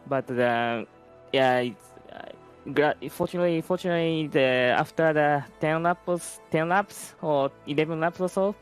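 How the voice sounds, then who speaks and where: Halting man, smooth voice. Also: fairly high pitch, faint music behind. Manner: halting, searching for words. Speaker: sim racing driver. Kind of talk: post-race interview.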